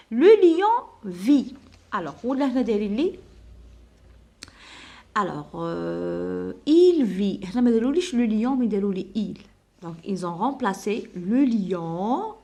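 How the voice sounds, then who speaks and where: A woman teacher with an Algerian Arabic accent, explaining a French exam to pupils, switching between Arabic and French and slowly dictating French sentences. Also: mid-range voice, warm tone. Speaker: primary school teacher.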